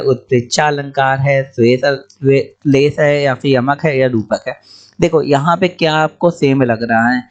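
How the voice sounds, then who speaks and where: A young man teaching exam questions, explaining each answer briskly and repeating key points. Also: medium pitch, dull audio.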